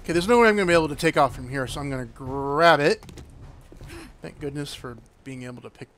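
A man chatting casually as he plays, excitable and quick to break into panicked yelps. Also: fairly high pitch, a little hiss or hum. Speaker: gaming streamer. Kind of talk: casual gameplay commentary.

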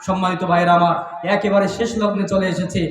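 A man from Bangladesh, preaching to a crowd in an impassioned, sing-song style that rises into shouted chanting and calls on the listeners to answer aloud. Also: sits high, flat delivery, fast, distant mic, slight background noise. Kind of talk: chanted sermon at an outdoor religious gathering. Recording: reverberant public address with faint music.

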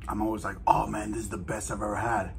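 A man's voice: on the low side, fast, vocal fry, slight background noise. Man talking while chewing food. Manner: relaxed and chatty, full of fillers. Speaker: food vlogger. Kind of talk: casual mukbang chat.

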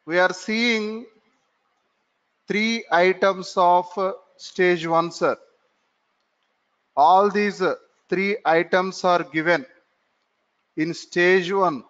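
Male classroom instructor, lecturing in a slow drawl with self-posed questions; muffled lo-fi sound with long room echo. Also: sits high, fairly even intonation, fairly bright tone. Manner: slow, repeats phrases and asks himself questions. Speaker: computer course instructor. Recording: dull lo-fi recording in a reverberant room.

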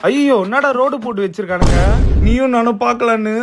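A man's voice: extremely high pitch, a little fast, noisy background. A man acting a nostalgic friend in a comedy sketch, chatting with banter. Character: nostalgic young man just out of a coma.

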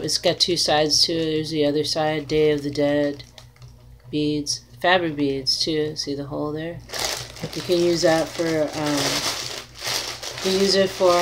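Low-voiced woman chatting casually. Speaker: artist showing handmade crafts for her shop. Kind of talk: casual chat to camera. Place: small cluttered room indoors. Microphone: device mic at arm's length. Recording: noisy home webcam recording.

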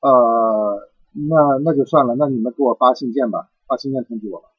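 A man's voice: medium pitch, fairly quick, background noise. A man speaking over a phone line, hesitant and wary as he deflects questions about himself. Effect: heard over a phone line. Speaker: call recipient. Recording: muffled dull phone line.

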